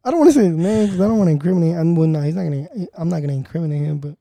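A man's voice: on the high side, very fast, gravelly, mellow, no room sound. A young man as a guest on a podcast, talking in a laid-back way in casual chat, laughing and often restarting his sentences.

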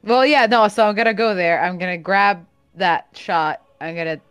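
Clear-voiced woman playing a tabletop game. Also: medium pitch, normal speed, fairly bright tone. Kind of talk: casual game chat.

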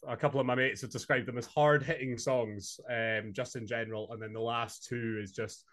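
A young adult man from Scotland with a Highland Scottish accent, chatting casually as an interview guest. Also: fairly even intonation, moderate pace, fairly bright tone. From Inverness, Scotland. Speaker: podcast guest, singer-songwriter.

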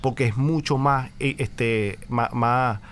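A man being interviewed on a sports podcast as a baseball league executive, answering in a measured way with many pauses and fillers. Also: medium pitch, a bit bright, slight background noise.

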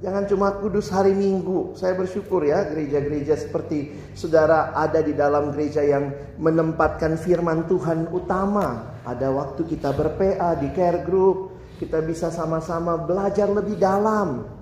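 A man's voice: a little high, fairly even intonation, moderate pace, a little mellow, slight background noise. A man preaching a sermon in a conversational, joking way, often acting out other people. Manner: conversational, joking, acts out voices. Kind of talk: humorous sermon. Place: church hall. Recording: echoey hall with faint ambience.

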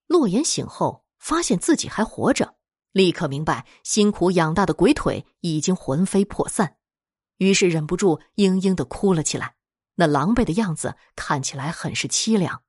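A woman's voice: fairly low pitch, big pitch swings, normal speed, darkish tone, slightly rough, no room sound, studio quality. A woman narrating a dramatic story expressively, voicing each character herself.

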